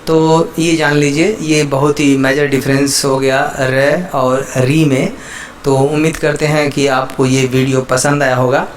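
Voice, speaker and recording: Slow, patient male teacher. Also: medium pitch, level tone, slight background noise. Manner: patient, repeats words, often checks in with the listener. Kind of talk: explaining Hindi letters to viewers.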